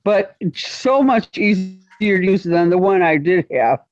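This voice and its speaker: A woman's voice: fairly low pitch, expressive, a little slow, a little mellow, no echo, dull audio. A woman chatting enthusiastically on a live stream, gushing about a new tool. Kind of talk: casual live stream chat.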